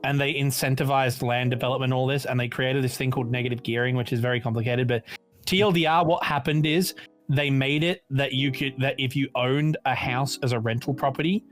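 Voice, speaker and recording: A man in his late twenties with an Australian accent, chatting casually on a podcast and explaining things at length in an animated way. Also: medium pitch, a little fast, soft background music. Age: 20s. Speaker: podcast co-host.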